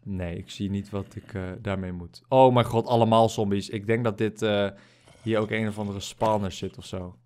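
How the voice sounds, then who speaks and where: Young man gaming, excitable and loud. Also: fairly low pitch, normal speed. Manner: bursts into loud excited shouting at finds, swears freely. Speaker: gamer. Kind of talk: casual gaming chat.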